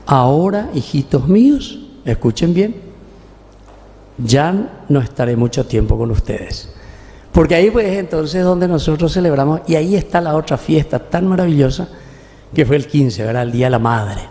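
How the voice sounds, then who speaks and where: A man's voice: on the high side, expressive, moderate pace, mellow. A middle-aged man with a Paraguayan Spanish accent, a parish priest giving a folksy, conversational homily at Mass and often asking "¿verdad?". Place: church. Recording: long church reverb.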